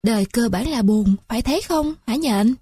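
A woman voicing a gentle, consoling mason wasp who murmurs softly. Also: on the high side, expressive, moderate pace, slightly rough, dry recording. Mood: musing. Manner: soft, murmuring.

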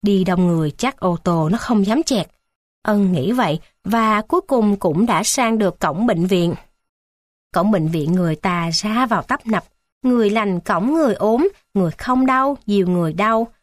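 A woman narrating a story in a steady, expressive reading. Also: medium pitch, moderate pace, no room sound, clean studio sound.

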